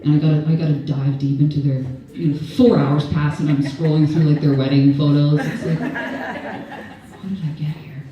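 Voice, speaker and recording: A woman's voice: sits low, level tone, moderate pace, dark tone, lo-fi sound. A Canadian woman doing a stand-up set at an event, rambling and self-deprecating, laughing at her own jokes. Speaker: stand-up comedian. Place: event venue, audience laughter behind. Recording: echoey room from far off.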